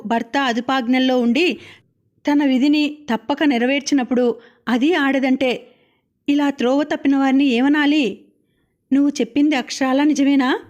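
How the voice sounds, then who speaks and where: A woman's voice: high-pitched, a little mellow. A woman narrating a novel as an audiobook, reading the characters' lines herself with only light changes of voice. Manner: reads all characters' dialogue herself, only lightly shifting voice.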